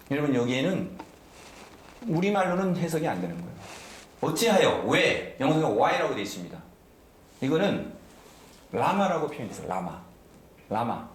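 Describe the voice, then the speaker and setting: A man's voice: medium pitch, reverberant, slight background noise. A man preaching a sermon as pastor, emphatic and often asking the congregation questions. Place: church sanctuary.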